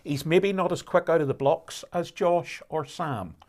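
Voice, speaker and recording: A man commentating on a rally live stream, explaining conditions in a measured way with fillers and restarts. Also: on the high side, a little mellow.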